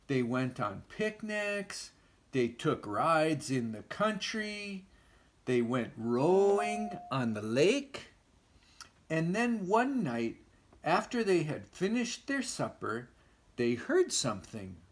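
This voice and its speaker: An older man with a grandpa voice reads a children's picture book aloud, explaining gently as if to a small child. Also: a little high, very animated, takes it slowly. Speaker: storyteller grandfather reading aloud.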